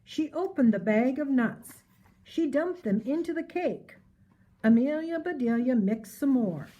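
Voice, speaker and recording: A woman's voice: high-pitched, lively intonation, measured pace, warm tone, highs cut off. An older woman reading a children's storybook aloud in a grandmotherly storytelling manner.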